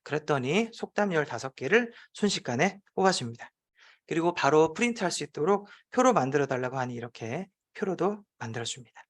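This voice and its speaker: A man, a teacher presenting at a forum, telling a playful classroom story with frequent hesitation fillers. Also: fairly high pitch.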